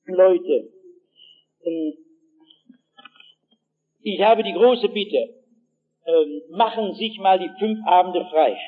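A man with a high voice preaches to a gathered audience. He tells his stories with drama, drops to near hushed tones, then rises to loud calls, and keeps turning to the listeners with direct asides. The sound is dull and lo-fi, like an old archive tape. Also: drawn-out words, pauses often. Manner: dramatic storyteller, swings from hushed to shouting. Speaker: pastor. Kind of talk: evangelistic sermon with personal anecdotes.

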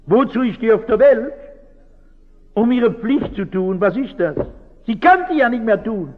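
High-voiced pastor in a reverberant hall. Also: male voice, expressive, measured pace. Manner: earnest, keeps asking rhetorical questions. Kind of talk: reflective talk to an audience. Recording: dull recording with long hall reverb.

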